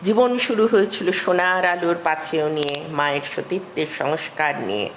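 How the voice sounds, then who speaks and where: A middle-aged woman giving an academic lecture as a literature professor, measured and explanatory, with emphatic rises. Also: on the low side, slight background noise, rough recording.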